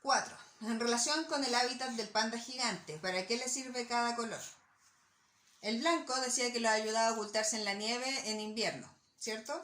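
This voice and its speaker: A woman's voice: fairly high pitch, fairly even intonation, moderate pace, fairly bright tone, reverberant. A woman teacher with a Chilean accent reviewing worksheet answers for a class, checking in often with her students. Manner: explanatory, checks in with "¿ya?".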